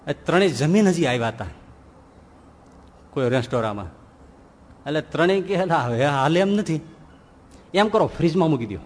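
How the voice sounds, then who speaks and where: A man delivers a sermon in a large hall, and his voice rings out with a long reverb. His voice sits high. He tells a comic parable and acts out its characters, building to excited, louder passages. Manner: animated storytelling, acting out characters with rising excitement. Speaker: swami giving a scripture discourse.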